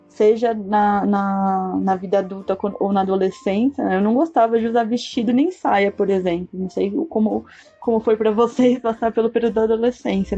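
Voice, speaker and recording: A woman's voice: medium pitch, warm tone, highs cut off. A woman with a Brazilian accent co-hosting a podcast chat, thoughtful and hesitant, with many restarts. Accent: Brazilian Portuguese. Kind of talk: casual chat.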